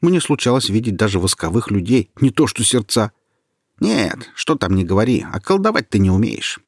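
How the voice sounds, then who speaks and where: A stubborn young male charcoal burner , voiced by a man reading the tale. He talks brashly and defiantly, his husky voice raised a little above the narration. The sound is dry and close. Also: on the low side, sing-song, normal speed, no room sound. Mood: scornful. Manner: brash, then firm and defiant.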